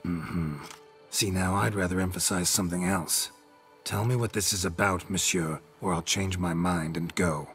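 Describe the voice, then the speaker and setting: An actor playing a gruff, world-weary monster hunter who speaks in terse, dry, sardonic lines. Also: male voice, low-pitched, fairly even intonation, normal speed, fairly bright tone, soft background music. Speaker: witcher taking a contract.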